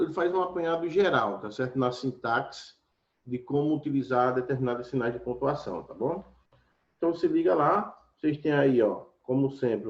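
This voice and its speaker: A man teaching an online grammar lesson in a casual, teacherly way, constantly checking in with his students. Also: medium pitch. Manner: casual teacherly, frequent "tá certo?" check-ins. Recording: echoey dull lo-fi room recording.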